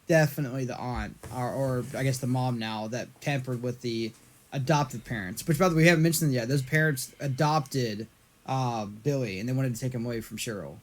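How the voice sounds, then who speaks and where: A man's voice: mid-range voice, fairly quick. A man co-hosting a casual movie discussion podcast, rambling and often laughing. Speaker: podcast co-host.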